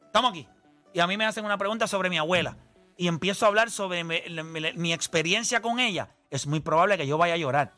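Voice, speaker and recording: Man, high voice, bright tone, insistent, keeps cutting in, long sports analogies. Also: fast, faint music behind. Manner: insistent, talks over others, explains with long analogies. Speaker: podcast co-host. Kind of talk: heated sports debate.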